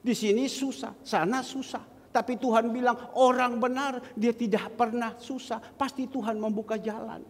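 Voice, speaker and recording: A male pastor with a very high voice delivers a sermon in a church hall. His voice carries a long reverb from the room around him. He talks straight to the congregation and slows right down whenever he quotes scripture. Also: fairly even intonation. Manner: addresses the congregation directly, quotes scripture slowly.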